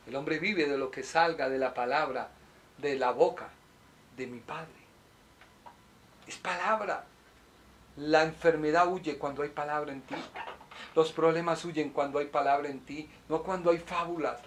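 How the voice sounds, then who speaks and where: A middle-aged man preaching a sermon as a pastor, swinging from loud urging to soft, slow confession, recorded in a small apartment set up as a studio. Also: fairly high pitch.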